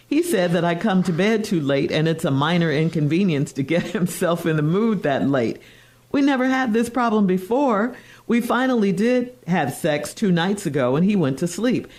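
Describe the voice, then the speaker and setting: A woman co-hosting morning radio in DJ style, reading listener letters in a measured, clearly phrased way. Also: fairly low pitch, a little mellow.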